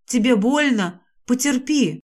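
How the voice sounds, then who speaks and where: A woman's voice: on the high side, expressive, slow, pitched above the performer's own voice. A woman voicing an anxious, protective male serpent-man in an audiobook, urgent and pleading. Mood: urgent worried. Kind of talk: audiobook character voice.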